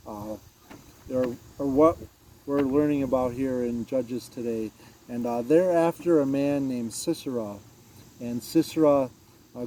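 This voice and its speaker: A man hosting a vlog, reading a Bible passage aloud and chatting about it in a halting way with many fillers. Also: mid-range voice, dark tone, slight background noise, low-quality recording. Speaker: vlog host. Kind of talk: casual Bible reading and chat.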